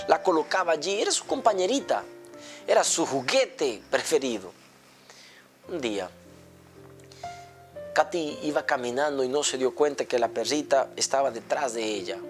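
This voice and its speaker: A male pastor preaching a sermon with a repetitive cadence that builds into a fervent appeal. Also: a little high.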